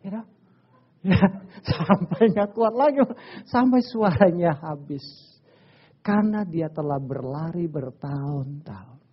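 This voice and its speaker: A man preaching a lively sermon, telling stories and joking with his congregation, swinging from quiet asides to loud emphatic bursts. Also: on the high side, takes it slowly, pauses often, breathy edge. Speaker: pastor. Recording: slightly dull lo-fi church recording.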